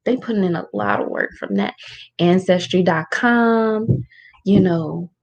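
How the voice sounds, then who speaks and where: Woman talking low at home. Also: measured pace, dull audio. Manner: informal, rhetorical, keeps asking "right?"; keeps her voice lowered. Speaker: spiritual teacher hosting a Q&A. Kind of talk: casual livestream talk with Q&A. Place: room at home.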